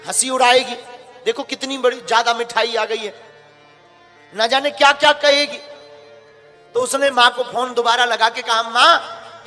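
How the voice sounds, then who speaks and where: A man's voice: very high voice, pushed and bright. A male preacher telling a moral story in a sermon, stressing his points with repeated rhetorical questions to the audience. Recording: long hall reverb, faint music.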